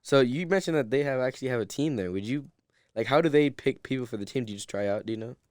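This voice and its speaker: A man's voice: mid-range voice, expressive, dry recording, clean studio sound. A teenage boy hosting a school podcast, asking questions casually and joking around. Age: teens. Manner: joking, quick questions, laughs often. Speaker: student podcast host. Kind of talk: casual interview.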